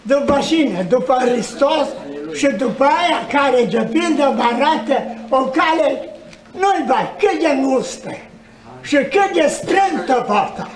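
A man from Romania preaching a fervent sermon, breaking into shouts and tearful tones. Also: very high-pitched, animated. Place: church hall. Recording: echoey church recording.

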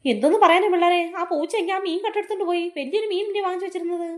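A woman's voice: very high-pitched, rapid-fire. A woman playing a fretful, scolding mother in a family comedy skit, full of exclamations.

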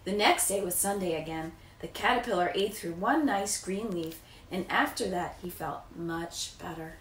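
A teacher, an American woman in her thirties, reads a children's picture book aloud at normal speed in a lowish voice. It's captured indoors in a living room by a camera a few feet away, leaving the audio distant, echoey, and faintly noisy.

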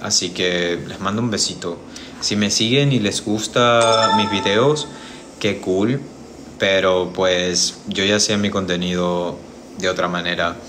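A man in his thirties with a low voice hosts a casual livestream from his home kitchen, shot on a phone's front camera. He talks at a moderate pace, rambling and hesitant, restarting often, against a noisy background.

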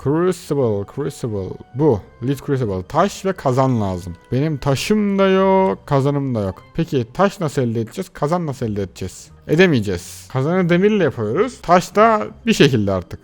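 A young man hosting a let's play video, excitably chattering to his viewers while he plays. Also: fairly high pitch, normal speed, few pauses, soft background music. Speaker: gaming channel host.

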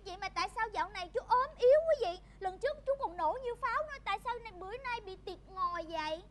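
A young actress with a Southern Vietnamese accent, playing a polite, chatty shop worker in a TV comedy sketch. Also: female voice, very high-pitched, animated, fast, a little hiss or hum.

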